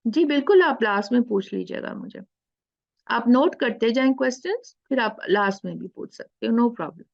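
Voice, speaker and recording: A woman teaching an online recitation class, patiently repeating sounds slowly to demonstrate them over a video call. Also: fairly high pitch, lively intonation, creaky, dry recording, lo-fi sound. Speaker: tajweed teacher.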